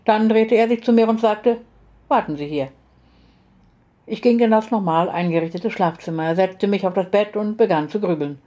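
A woman narrating a first-person story in an audiobook style. Her reading is steady and expressive, and her voice carries a dark, mellow tone. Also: mid-range voice, fairly quick, few pauses. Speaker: audiobook reader.

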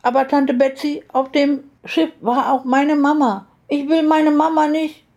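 A small, tearful girl, clinging and frightened, pleading in a high, thin childlike voice, as a woman reads her lines. The voice sits well above an adult's and keeps a mellow, dark tone beneath the crying. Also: little pitch movement, unhurried, dull audio.

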